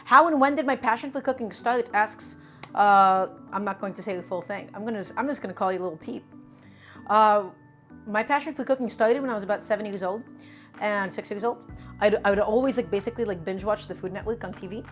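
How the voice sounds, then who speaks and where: A fairly quick, medium-pitched and slightly bright voice belongs to a cooking streamer, a native Russian speaker who casually shows a recipe at home live. She chats as she goes, responding to viewer chat, with faint music behind.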